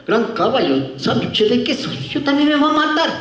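A man's voice: very high voice, big pitch swings, normal speed, a bit bright, voice pushed up, full character voice. A man voicing a whiny male worker with a sing-song manner. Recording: echoey room.

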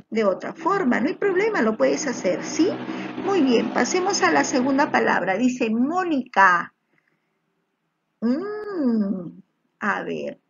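A primary school teacher teaches young children a spelling lesson over slides, addressing them as little children and often checking that they follow, patient and encouraging. Her high voice is gravelly and husky, and the recording has its highs cut off.

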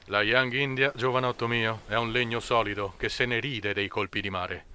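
A man voicing a gruff, seasoned old sailor in an audiobook, speaking with calm confidence. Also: medium pitch, moderate pace, slight background noise. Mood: confident.

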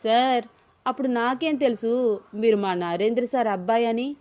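A woman reading a story, voicing a lively, quick-tongued young woman who protests and insists. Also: on the high side, lightly acted. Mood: insistent.

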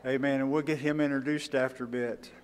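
A man's voice: mid-range voice, level tone, brisk. Older male pastor, folksy pulpit talk, frequent amens, roomy church reverb. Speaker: pastor leading the service. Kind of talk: pulpit service leading. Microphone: pulpit mic.

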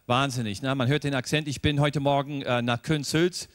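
A middle-aged man from the United States with an American accent performs a stand-up comedy routine in German, telling stories and acting out the characters. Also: normal speed. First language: English. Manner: animated storytelling, acting out characters in a pitched-up voice.

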